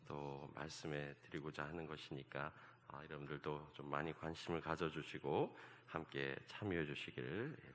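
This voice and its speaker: A male pastor leading a church service and giving announcements, often filling pauses with a repeated "yes". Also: extremely low pitch, fairly bright tone. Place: church sanctuary. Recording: long church reverb, faint ambience.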